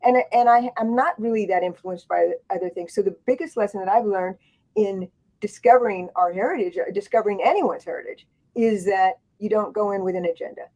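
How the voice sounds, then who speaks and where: Brisk and mellow, with a medium pitch, this woman author spins casual, rambling stories on a book panel, full of restarts and side comments. She was raised in Thailand and Japan. The audio has a dull, lo-fi quality.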